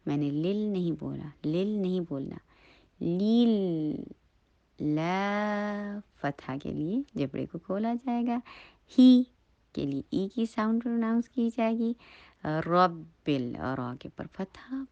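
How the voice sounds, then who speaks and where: A woman teaching Quran recitation, going over each syllable slowly and patiently so students can copy her. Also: sits low, vocal fry, mellow, no echo. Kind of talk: slow tajweed lesson with modeled recitation. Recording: dry, dull lo-fi recording.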